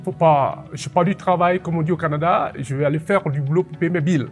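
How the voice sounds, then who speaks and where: A man's voice: fairly high pitch, a little fast, soft background music. A man from Ivory Coast, a policy analyst and father, telling his story in an interview with a reflective, hesitant manner and many fillers. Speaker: interviewee, public servant. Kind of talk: personal testimony interview.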